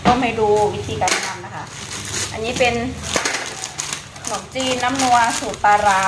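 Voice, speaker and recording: A young woman with an Isan accent chatting casually to her viewers while cooking and eating. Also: mid-range voice. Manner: chatty, folksy, addresses viewers as family. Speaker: vlogger cooking and eating on camera. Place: at home, outdoor kitchen area. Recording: echoey home recording with loud background noise.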